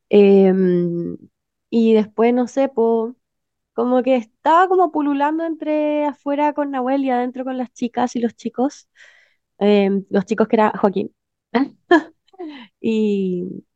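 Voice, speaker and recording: A woman's voice: on the high side, gravelly, warm tone, no echo. A young woman with a Chilean Spanish accent telling a story over a video call, casual and full of slang and fillers. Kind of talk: casual chat among friends. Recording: muffled lo-fi sound.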